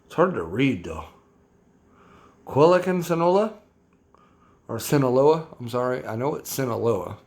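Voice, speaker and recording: A man talking through a hot sauce review in a loose, rambling way. He drops slang, circles back on his own points and keeps piling up words. His voice sits at an ordinary middle pitch. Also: animated, fairly quick, gravelly, few pauses. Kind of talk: casual product review vlog.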